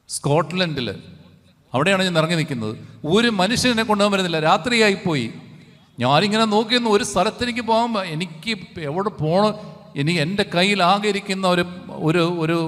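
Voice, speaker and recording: A man's voice: a little high, fairly bright tone. A male priest from Kerala preaching a retreat sermon, telling a personal story and rising to emphatic appeals. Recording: hall reverb.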